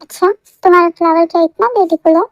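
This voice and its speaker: A woman's voice: very high-pitched, quick pace, no room sound. A woman voicing a bossy pouting young wife. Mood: scolding. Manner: scolding, pouty, dramatic. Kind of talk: fan audio story. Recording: dull lo-fi dry recording.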